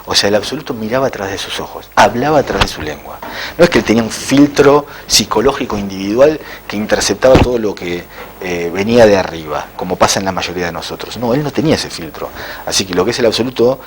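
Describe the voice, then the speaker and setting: A middle-aged man, an interviewed author, telling a spiritual story in a halting way with frequent "eh" fillers. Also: on the low side, expressive, background noise.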